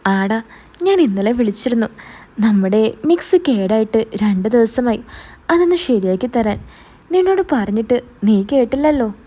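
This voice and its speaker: A calm, homely middle-aged mother, as a woman storyteller puts her on speaks plainly and scolds mildly. Her voice is mellow and slightly high. It sounds like the reader's everyday voice. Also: normal speed. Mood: matter-of-fact.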